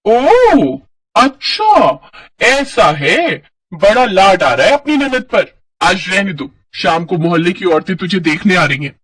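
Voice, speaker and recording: Scolding bossy sister-in-law, a man acting her, husky high voice, distant mic. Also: normal speed. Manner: scolding, yelling. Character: harsh bossy elder sister-in-law, shrill.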